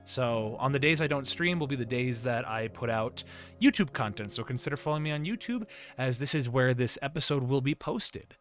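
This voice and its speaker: A man's voice: mid-range voice, expressive, fairly quick, fairly bright tone, soft background music. A man hosting a livestream, chatting casually in a rambling, self-interrupting way. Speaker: stream show host.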